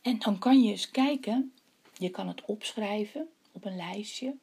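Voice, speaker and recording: A woman's voice: mid-range voice, a little slow, creaky, a little mellow, breathy edge. A woman reading a legend aloud and then talking to her listeners, giving them a task. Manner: addresses listeners with tasks. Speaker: storyteller.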